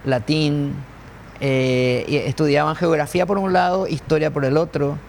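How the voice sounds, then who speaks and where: A man's voice: a little high, steady tone, normal speed, a little mellow, slight background noise. A man co-hosting a talk show, making wry, argumentative points and checking for agreement. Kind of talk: casual studio conversation.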